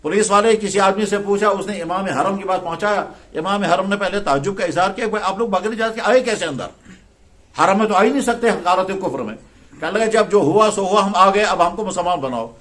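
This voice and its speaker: A man's voice: high voice, a bit bright. A male Islamic scholar giving a religious talk in style storytelling, acting out quoted dialogue in a conversational way.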